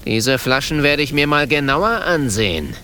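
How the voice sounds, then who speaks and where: A man's voice: medium pitch, sing-song, normal speed, pushed and bright, slight background noise, pitched above the performer's own voice. A man voicing a boastful, burly trapper with a blustering manner. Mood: cocky. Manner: blustering, cocky. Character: boastful burly male trapper, cocky then cowardly.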